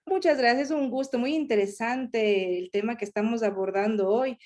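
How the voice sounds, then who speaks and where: A woman voicing a deaf speaker's talk live in the first person, halting, with many fillers and restarts. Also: fairly high pitch, darkish tone. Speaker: sign language interpreter voicing a deaf speaker. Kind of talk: live interpretation of a conference talk.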